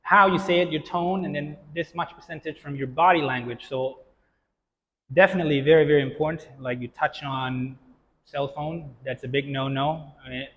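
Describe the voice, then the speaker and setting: A man co-hosting a casual podcast chat about coaching, agreeable and quick to affirm. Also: on the high side, steady tone, a bit bright. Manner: agreeable, frequent affirming backchannels. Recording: lo-fi audio in reverberant room.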